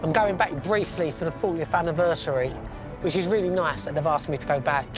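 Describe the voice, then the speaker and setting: A man's voice: on the high side, fairly quick. A man speaks candidly to camera, a little nervous and reflective. Background music runs under his voice. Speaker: actor. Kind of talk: reflective reality TV aside.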